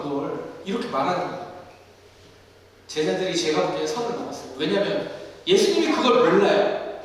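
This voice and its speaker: A male pastor delivers a sermon and acts out the scripture scenes in voices. His voice is high and very lively. The sound reaches the mic from a distance in a long-echoing hall, with faint room noise behind. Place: basement studio used for church services. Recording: echoey hall from far off.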